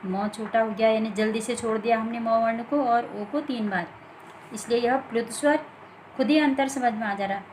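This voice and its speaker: A woman teaching a grammar lesson, explaining slowly and deliberately from written notes with many pauses. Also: a little high, fairly even intonation, a little mellow, slight background noise, low-quality recording.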